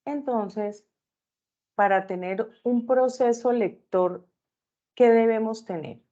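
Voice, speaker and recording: A woman's voice: fairly high pitch, takes it slowly, phone-quality sound. A woman teaching an online class, often checking in with her students through short tag questions.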